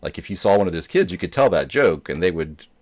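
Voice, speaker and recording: Man, low voice, casual chat, show host, rambling, hesitant phrasing. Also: sing-song, fast talker. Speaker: host of a dad joke show.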